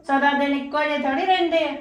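A soothing middle-aged mother who scolds her son and calms her daughter-in-law, as a woman acts her out. She speaks in a high voice and keeps repeating her reassurances. The room gives the voice a strong echo. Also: quick pace, natural voice. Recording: echoey room.

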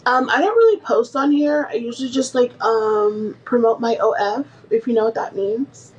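A woman with a fairly high voice, drawling flat and unbothered and padding her speech with fillers. She comes through a muffled, lo-fi call with faint background noise. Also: normal speed. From California and Louisiana. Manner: flat, filler-heavy, nonchalant. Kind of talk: casual video chat.

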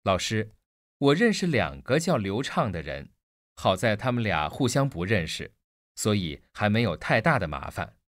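Male student for a listening dialogue: curious, questioning, lively intonation, dry recording. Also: lowish voice, moderate pace, no room sound. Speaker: student in a scripted textbook dialogue. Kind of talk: scripted listening-exercise dialogue.

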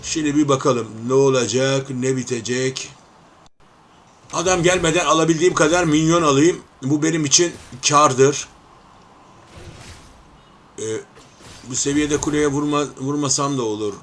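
A man giving live gameplay commentary, talking to viewers as friends and taunting opponents with playful shouts. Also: fairly high pitch, fairly even intonation, moderate pace, long pauses, slight background noise.

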